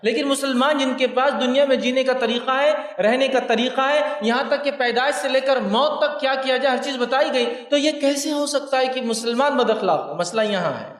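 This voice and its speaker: A high-voiced man preaches a religious lecture. He repeats each point and speaks straight to his listeners. The sound rings through a large hall from a distance. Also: few pauses, fairly bright tone. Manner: repeats points for emphasis, addresses listeners directly. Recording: echoey hall, mic at a distance.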